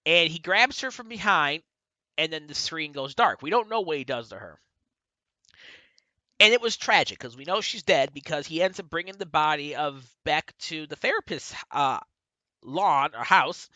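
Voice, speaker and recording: A man's voice: fairly high pitch, animated, normal speed, bright, forceful tone, dry recording. A man giving a casual spoken review, retelling events in a rambling way with many fillers and self-corrections. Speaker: book and TV reviewer.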